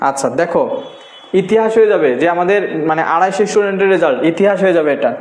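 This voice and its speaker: Guy teacher reading out exam marks, jokey and encouraging, kinda high voice, echoey room. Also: rapid-fire, darkish tone. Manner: teasing, encouraging, chatty asides. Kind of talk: reading out exam results to students.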